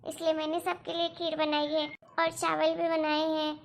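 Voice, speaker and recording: A very high, soft-spoken young bride in a cartoon story, eager to please, played by a woman. Her sweet, pleading voice sounds earnest and a little anxious. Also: completely flat delivery, moderate pace, creaky, slight background noise. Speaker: daughter-in-law. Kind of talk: animated story voice acting.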